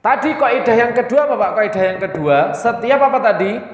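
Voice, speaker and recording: A man leads a Quran recitation lesson, reciting short examples and then drilling the class. His voice sits high for a man. The recording sounds roomy, with a long hall reverb trailing each phrase. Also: a little fast, a little hiss or hum. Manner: questioning students often, then answering himself.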